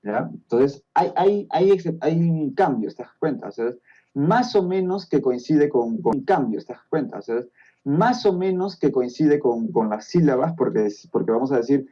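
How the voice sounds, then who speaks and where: Peruvian man, podcast guest, patient explainer; very dark, mellow tone, muffled lo-fi audio. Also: medium pitch, expressive, normal speed, slightly rough. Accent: Peruvian Spanish. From Peru. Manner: patient, explaining step by step with frequent checks like "¿no?". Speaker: guest expert on Tolkien's languages.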